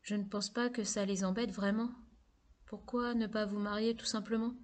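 A woman's voice: mid-range voice, level tone, normal speed, natural voice. A wry, teasing teenage girl, read by a woman narrator, with a slightly lifted voice and a sardonic edge. It stays a storybook reading voice rather than a full performance.

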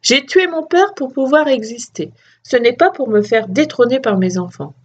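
A woman reading a storybook aloud, voicing a cruel, scheming father god with harsh shouting. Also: on the high side, expressive, normal speed, breathy edge, dull audio, pitched above the performer's own voice. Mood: menacing.

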